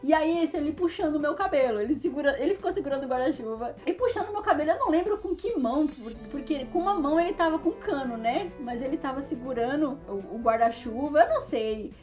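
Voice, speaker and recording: A woman's voice: high-pitched, quick pace, hardly any pauses, soft background music. A woman, chatting casually to viewers as she tells a personal story. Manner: chatty, animated, addresses viewers directly.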